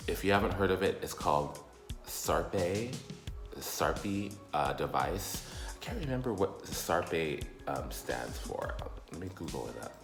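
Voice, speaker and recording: A man giving a casual, rambling personal update in halting explanations with repeated words. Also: extremely low pitch, animated, reverberant, music in the background. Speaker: vlogger.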